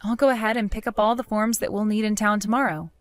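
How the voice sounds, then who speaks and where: A woman's voice: medium pitch, steady tone, quick pace, no echo, soft background music, lightly acted. A woman voicing a scheming, unfaithful young wife who coaxes and pleads to get her way. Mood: cold. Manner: pleading, coaxing.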